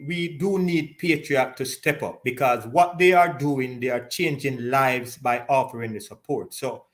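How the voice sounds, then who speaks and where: A man hosting a live online interview show, speaking in a measured, encouraging and advising manner. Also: medium pitch. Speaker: talk show host.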